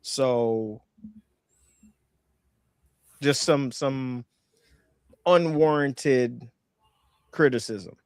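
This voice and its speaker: A man in his forties co-hosting a sports podcast, talking in a halting, emphatic way with lots of repeated words. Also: mid-range voice, smooth, dry recording, studio quality. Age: 40s. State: out of breath. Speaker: podcast co-host and referee. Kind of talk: casual sports chat.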